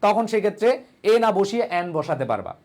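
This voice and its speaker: A man's voice: sits high, big pitch swings, fast, a little mellow. A young man teaches an online grammar class. He fires rhetorical questions at his students and answers them himself, then coaxes and reassures them. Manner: reassuring, coaxing tone toward students. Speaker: English admission-test tutor.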